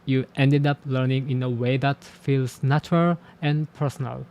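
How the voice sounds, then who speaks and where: With a level tone and a slightly mellow mid-range voice, a man talks to camera about learning languages. He's a native Japanese speaker who teaches languages and hosts a channel, and he reflects in a candid, self-deprecating, measured way.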